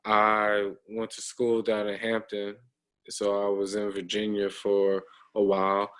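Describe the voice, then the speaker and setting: A man's voice: on the low side, rough recording. A man in his thirties, a guest talking casually over a video call, hesitant, with many ums and restarts. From United States. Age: 30s.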